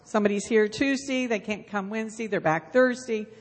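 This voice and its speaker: A middle-aged woman who runs a church Bible school speaks casually into a handheld mic in the sanctuary, her mid-range voice going a little fast. She's chatty, telling self-deprecating stories as part of an informal announcement, with the long reverb of the church hall around her.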